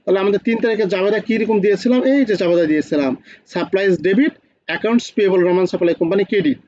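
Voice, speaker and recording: Speaking fast in a high, slightly mellow voice with a Bangladeshi Bengali accent, this accounting teacher runs an online class. He often asks students questions and goes back over the main points, all through muffled, lo-fi video-call audio from a computer mic.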